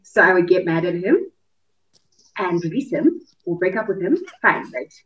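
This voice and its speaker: A young woman, talking in a reflective, casual way as a podcast co-host and mimicking others in high voices. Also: expressive, normal speed. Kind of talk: casual chat. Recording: muffled, distant mic.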